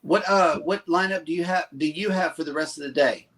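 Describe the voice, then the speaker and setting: A man's voice: on the high side, brisk, a bit bright. A man hosting a casual live chat and introducing a guest. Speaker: host.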